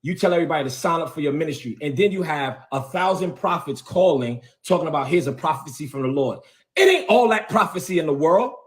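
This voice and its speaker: A bishop livestreaming a confrontational rant in a high, lively voice that swings up and down. He hammers his points over and over and talks straight at the people he is calling out. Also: fast talker. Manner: confrontational, repetitive, heated. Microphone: phone or webcam on a livestream.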